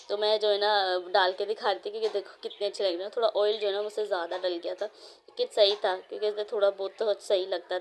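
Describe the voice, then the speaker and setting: A woman's voice: medium pitch, slight background noise. A woman vlogger narrating a casual cooking voice-over, chatty and rambling with many fillers. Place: indoors, recorded as voice-over.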